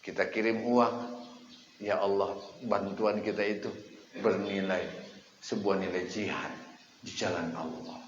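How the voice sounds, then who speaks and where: A male preacher delivers an animated dawn sermon in a fairly low voice, putting questions to the congregation and answering them himself. The long, echoey hall of the mosque surrounds him, and the recording is dull and lo-fi with faint background noise. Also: measured pace, long pauses.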